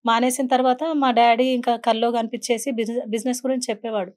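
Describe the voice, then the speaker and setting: A woman's voice: a little high, flat delivery, fast, darkish tone. A woman, a podcast guest earnestly telling a personal story and acting out quoted speech. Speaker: guest, beautician and meditation teacher.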